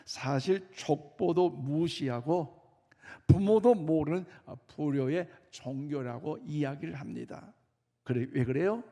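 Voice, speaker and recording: A man's voice: on the high side, takes it slowly, mellow. A man preaching a Sunday sermon in a church sanctuary, earnestly and emphatically addressing the congregation. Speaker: pastor. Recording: long reverb of a church hall.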